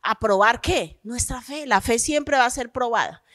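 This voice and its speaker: A woman pastor, preaching a lively sermon. She asks the congregation questions and acts out believers' complaints. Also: on the high side, normal speed.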